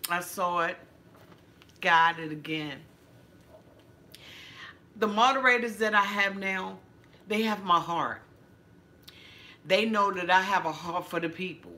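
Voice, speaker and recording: A woman's voice: fairly low pitch, slow pace, long pauses, bright, forceful tone. A woman hosting her own channel in a casual livestream monologue, talking emphatically while she decorates a tree, repeating herself for weight and cursing freely. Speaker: YouTube channel host.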